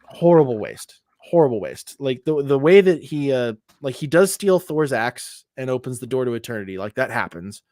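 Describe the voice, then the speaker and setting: A man co-hosts a casual nerd podcast, ranting and swearing a lot with plenty of filler words. His medium-pitched voice is expressive and a little mellow, moving at a moderate pace with hardly any pauses. The recording is studio quality with no echo.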